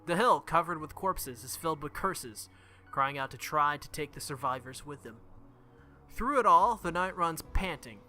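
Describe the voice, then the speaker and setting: A man with a slightly high, animated voice hosts a game playthrough at a moderate pace, reading a visual novel aloud with dramatic flair. He adds casual reactions and occasionally trips over words. Loud game music plays behind him.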